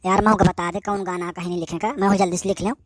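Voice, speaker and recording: A woman's voice: on the low side, fairly even intonation, racing, lightly acted. A woman playing a cheeky village schoolboy who talks back to his teacher, in with a tinge. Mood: pleading. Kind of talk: skit comedy acting.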